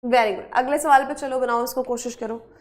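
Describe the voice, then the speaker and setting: A woman's voice: sits high, steady tone, a little fast. A woman teaching an online spelling and vocabulary class, mixing Hindi with English words and coaxing students by repeating each question and answer.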